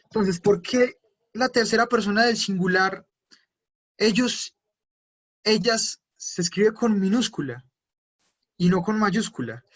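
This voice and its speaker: A man teaching an online language class, patiently repeating words slowly for his students. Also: high voice, a bit bright. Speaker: German teacher.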